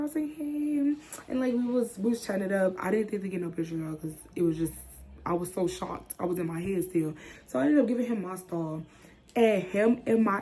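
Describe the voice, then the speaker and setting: A young woman from the chatting casually through a storytime vlog, dropping into whispers and jumping high when she acts out what people said. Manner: animated, acts out quotes with sudden whispers and high squeals. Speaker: vlogger.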